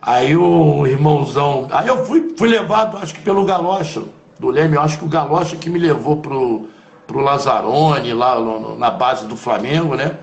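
A man with a Carioca accent recounts his football youth in a lively, slang-heavy conversational style, his voice sitting a bit higher than most men's. He is recorded in a roomy space with a noticeable echo around his voice. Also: moderate pace, creaky, highs cut off. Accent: Carioca Brazilian Portuguese. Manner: animated, slangy storyteller with many asides. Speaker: former footballer guest. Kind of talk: conversational storytelling interview.

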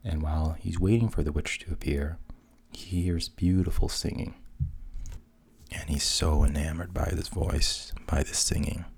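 A man retelling fairy tales in a hushed, half-whispered narration, with wry deadpan asides. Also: extremely low pitch, measured pace, gravelly, husky. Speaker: storyteller.

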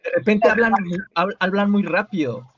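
A man's voice: high-pitched, moderate pace, highs cut off, heavy background noise. A Mexican man with a Mexican Spanish accent, hosting a casual group chat and asking lots of curious questions, with hesitant restarts. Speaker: host.

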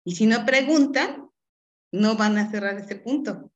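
A woman professor with a Mexican Spanish accent, answering interview questions. She talks in an encouraging way, laughs often and keeps checking in with a quick "¿sí?". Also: fairly high pitch, muffled recording. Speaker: chemistry professor.

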